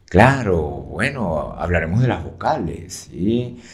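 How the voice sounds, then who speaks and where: A man's voice: low voice, very animated, slow, slight background noise. A man who teaches French, explaining patiently in an interview, with frequent fillers and checks like "right?".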